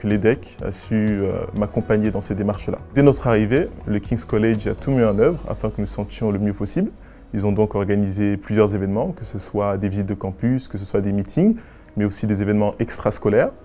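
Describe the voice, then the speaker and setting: A nineteen-year-old man from West and Central Africa, a business school student giving formal, measured and articulate interview answers. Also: on the low side, dark tone. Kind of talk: prepared interview answers to camera.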